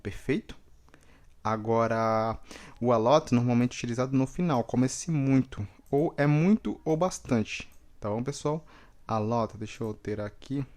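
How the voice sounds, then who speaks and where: A native Portuguese-speaking man teaches English vocabulary at an unhurried, deliberate pace. He says each word several times and pauses often to check that his students are following. His voice sits at an ordinary middle pitch. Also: a little mellow. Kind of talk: vocabulary lesson with repetition drills.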